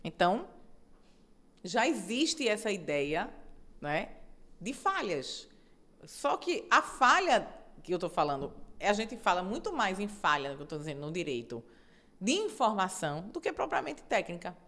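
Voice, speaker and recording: Lively, explanatory woman judge being interviewed. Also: mid-range voice, a little slow. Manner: animated, explanatory, tag questions. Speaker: judge and guest. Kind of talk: conversational interview.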